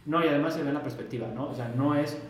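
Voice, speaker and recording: Speaking rapid-fire in a slightly high voice, a Mexican man recounts a story during a relaxed interview, bringing old dialogue to life by raising his voice. Faint noise and heavy room echo are audible.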